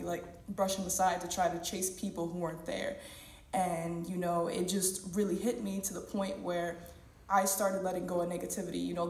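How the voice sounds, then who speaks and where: Young woman, low-pitched voice, candid funny stage storytelling, echoey hall. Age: 20s. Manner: candid and humorous, quoting others in voices. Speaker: student speaker. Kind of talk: personal story told on stage. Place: event hall at a university. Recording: echoey room, mic at a distance.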